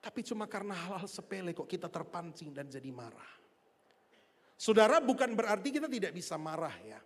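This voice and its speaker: High-voiced pastor preaching in a reverberant hall. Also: male voice, fairly quick, slightly rough. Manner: lively storytelling with rhetorical questions to the congregation. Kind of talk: sermon. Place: large church hall.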